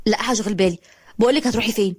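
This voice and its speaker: A woman voicing a kind young man who speaks gently but insistently in Egyptian Arabic. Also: mid-range voice, very fast, slightly rough, no echo, clean studio sound, natural voice. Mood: caring.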